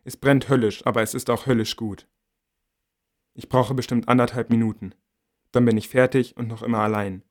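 A man reading a first-person novel aloud in a measured, quiet and intimate way. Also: mid-range voice, fairly even intonation. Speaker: audiobook reader. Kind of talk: scripted first-person narration.

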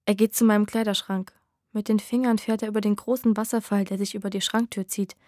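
A woman narrating a novel in the first person with a steady storytelling delivery. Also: medium pitch, quick pace, dry recording, studio quality. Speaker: audiobook narrator.

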